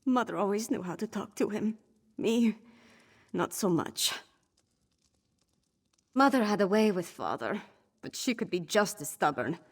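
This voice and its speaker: Playing a young princess in a fantasy video game, an actress sounds grieving, unsure yet resolute, and frustrated, speaking in an informal, self-deprecating way. Her mid-range voice has lively intonation and a breathy edge, and she talks a little slowly with frequent pauses.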